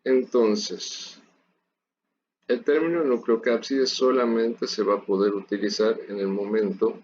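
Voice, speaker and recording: A man's voice: fairly low pitch, fairly even intonation, a little slow, a little mellow, husky. A man giving a recorded university lecture, explaining steadily and speaking directly to his students. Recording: dull lo-fi audio with faint noise.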